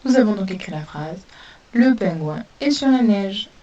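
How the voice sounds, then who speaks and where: A woman teaching a spelling lesson to young pupils, dictating words slowly and sounding out each letter. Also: medium pitch, animated, dark tone, muffled recording. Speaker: primary school teacher. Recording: distant mic with faint hiss.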